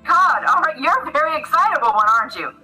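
A man's voice: very high voice, big pitch swings, fast talker, bright, forceful tone, soft background music, exaggerated voice, poor audio. A woman voicing a large, friendly male centaur who organizes games, talking in an upbeat, welcoming way.

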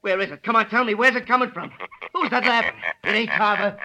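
Voice a brutal radio-drama henchman. He is fairly high for a man, with a very sharp, forceful edge. His talk is rough, surly and folksy, that of a thug who is easily rattled. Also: lively intonation, brisk, a little hiss or hum, full character voice. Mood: panicked. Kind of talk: 1940s radio drama acting.

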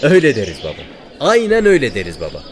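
An actor playing a loyal dervish companion in a radio play, earnest and deferential. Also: male voice, mid-range voice, huge pitch swings, rapid-fire. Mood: agreeable. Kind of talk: radio theatre acting.

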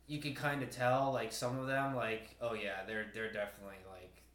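A man's voice: lowish voice, flat delivery, normal speed, fairly bright tone, reverberant. A man co-hosting a podcast in casual chat, rambling with lots of fillers. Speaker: podcast co-host.

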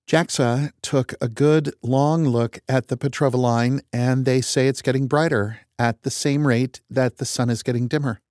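A man voicing a glum, weary woman government scientist in her forties, in a flat, reluctant delivery. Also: medium pitch, normal speed, hardly any pauses, dry recording, studio quality, pitched above the performer's own voice, close to an everyday voice. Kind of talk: audiobook character voice.

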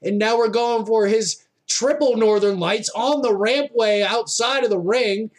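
A man with a notably high voice delivers wrestling commentary. His play-by-play moves at a slow pace, yet he is excitable and exclaims over the moves. The wording is informal, like a fan calling the match.

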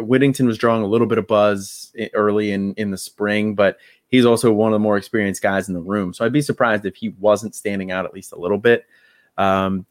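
A man with a lowish voice co-hosts a casual sports chat and talks in a halting way, full of fillers. The sound is dry and close to the mic. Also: no room sound. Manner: hesitant, leans heavily on "you know" and "um". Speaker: podcast co-host.

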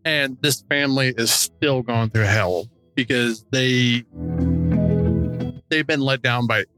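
A man co-hosting a podcast, giving opinionated conversational commentary in a frustrated, halting, emphatic way. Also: medium pitch, sharp tone, faint music behind. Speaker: true crime podcast co-host.

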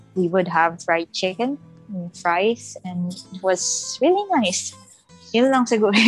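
A woman's voice: lowish voice, low-quality recording. Laughing young woman reminiscing casually. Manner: reminiscing, laughs often, mixes English into Tagalog. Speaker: podcast co-host. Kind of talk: casual chat.

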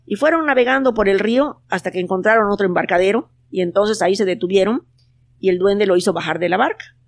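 A storyteller, reading a children's tale in a calm, unhurried way. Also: medium pitch, vocal fry, no room sound. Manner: calm, unhurried telling with plain quoted voices. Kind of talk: storybook narration.

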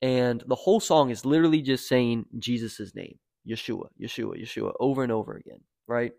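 Young American man, podcast guest, casual storyteller; dry close mic, gets animated and loud at the peaks. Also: brisk, vocal fry, no echo. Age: young adult. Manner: animated, rising to near-shouting at high points, lots of "like" and "dude".

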